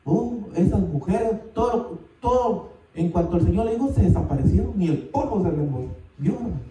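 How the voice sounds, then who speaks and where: High-voiced preacher in an echoey church. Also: male voice, moderate pace, recorded from a distance. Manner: animated, calls out "hermano" often. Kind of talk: sermon. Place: church sanctuary.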